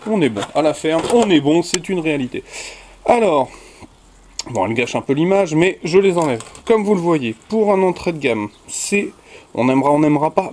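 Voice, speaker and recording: With slight background noise, a young man whose voice is on the high side and darkish in tone hosts a casual video unboxing a headset. He rambles, often correcting himself and tossing in little jokes.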